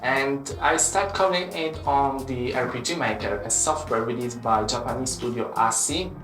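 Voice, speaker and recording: A man's voice: medium pitch, moderate pace, fairly bright tone, soft background music. Polish-accented man with a roomy, distant echo. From Poland. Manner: earnest, with frequent "uh" fillers. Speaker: web developer and channel host. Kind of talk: personal story vlog.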